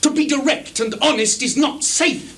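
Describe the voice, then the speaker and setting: An actor playing Iago, a scheming, insinuating villain who feigns honesty, in theatrical style in a live Shakespearean tragedy. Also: male voice, very high-pitched, moderate pace. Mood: wounded protest. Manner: theatrical, insinuating, swinging from hushed asides to loud protest. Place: small theatre stage. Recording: noisy live theatre recording, 1980s.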